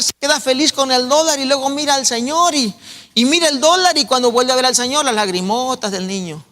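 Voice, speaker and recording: A middle-aged pastor delivers an earnest sermon, exhorting and telling stories. His voice sits high and bright. It carries with a long echo through the church hall.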